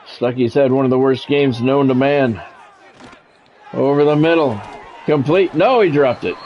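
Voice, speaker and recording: A faint crowd can be heard behind this mid-range, unhurried male voice doing video game football play-by-play. He keeps phrases short and clipped and his asides casual, dry and blunt, as a sports video game streamer and commentator would. The mic is dull and lo-fi, with faint noise.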